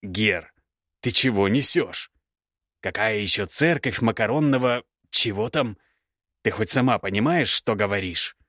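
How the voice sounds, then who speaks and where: List: man playing a young male mage, low voice, pleading and self-justifying, dry close sound. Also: lively intonation, unhurried, a bit bright, dry recording. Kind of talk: audiobook character voice.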